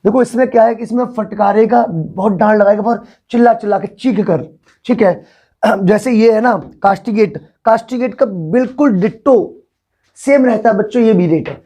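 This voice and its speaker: Mellow-voiced male vocabulary teacher. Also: sits high, normal speed. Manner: explains patiently, repeats words, often asks the class if they follow. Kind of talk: classroom vocabulary lesson.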